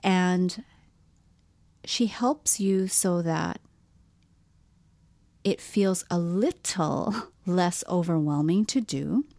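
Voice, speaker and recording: A woman's voice: lowish voice, very slow, long pauses, a little mellow, no room sound. A woman co-hosting a podcast, chatting casually, laughing often and trailing off mid-sentence. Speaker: podcast co-host. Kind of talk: casual chat.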